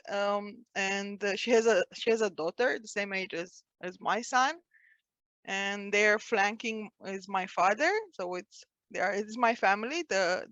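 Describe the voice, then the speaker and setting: A woman's voice: medium pitch, fairly bright tone, no room sound. A woman in her forties, from Romania, giving a prepared personal speech at a speaking club and telling family stories with frequent restarts.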